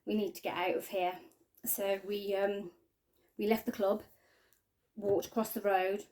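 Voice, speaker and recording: Halting woman with a mellow voice. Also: mid-range voice, little pitch movement. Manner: halting, earnest, often trailing off quietly. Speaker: spiking victim sharing her story. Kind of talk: personal testimony to camera.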